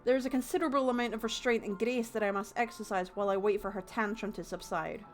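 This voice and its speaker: A woman's voice: medium pitch, steady tone, fast talker, soft background music. A woman streaming a story game, reading its text aloud and adding playful, sarcastic remarks. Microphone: desk mic, no headphones.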